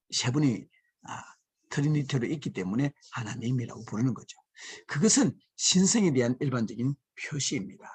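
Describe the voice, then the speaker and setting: A man teaching a Bible lecture, explaining slowly and repeating key words. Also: medium pitch, slightly rough. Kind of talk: lecture class.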